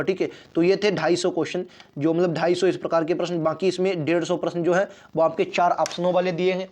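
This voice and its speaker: A man teaches an online exam-prep Hindi lesson, repeating words and drilling spellings while checking in with "theek hai." His voice is high-pitched and a little mellow, captured in a dull lo-fi recording.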